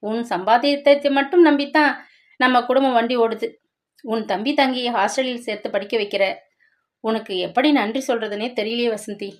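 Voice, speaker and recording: A woman's voice: fairly high pitch, fairly even intonation, moderate pace, lightly acted. A woman voicing a bedridden older stepmother who speaks in a pleading, heartfelt way, in a dramatic story reading. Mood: tearful.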